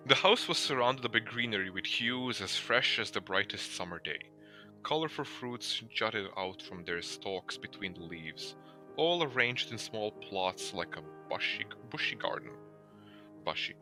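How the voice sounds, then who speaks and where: A man reading a game's story aloud to friends in an expressive storybook manner. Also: lowish voice, unhurried, faint music behind. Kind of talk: reading game text aloud.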